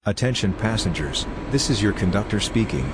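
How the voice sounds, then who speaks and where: A man voicing a male train conductor making formal announcements over a loudspeaker. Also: lowish voice, expressive, brisk, very noisy. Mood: announcing.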